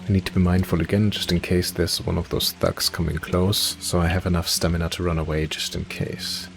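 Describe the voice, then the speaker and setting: A man hosting a let's play, thinking aloud in casual gameplay commentary, his voice slightly hoarse and cracking. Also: low-pitched, little pitch movement, brisk, over music. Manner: thinking aloud, hesitant, muttering directions.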